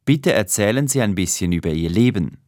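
A man's voice: fairly low pitch, animated, brisk, a little mellow, dry recording, studio quality, natural voice. A man playing a formal, businesslike personnel manager interviewing an applicant in a scripted dialogue for language learners. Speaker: head of personnel conducting an interview.

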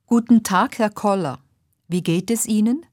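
A woman playing a nervous but polite job applicant in a scripted dialogue for language learners, speaking carefully and clearly. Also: medium pitch, measured pace, darkish tone, dry recording, studio quality, close to an everyday voice.

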